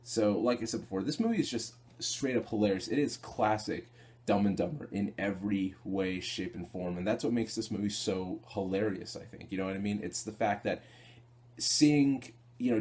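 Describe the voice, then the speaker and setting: A man's voice: on the low side, a little mellow. A man giving a casual spoken film review, rambling with lots of fillers and repeated asides to the viewer. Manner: rambling, filler-heavy, keeps asking "you know what I mean?". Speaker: movie reviewer.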